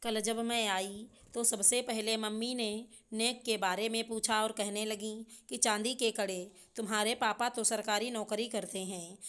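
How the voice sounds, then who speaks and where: A woman's voice: fairly high pitch, steady tone, measured pace, few pauses, a bit bright. A woman voicing a young daughter-in-law and new mother, speaking in a pleading, tearful complaint. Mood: aggrieved.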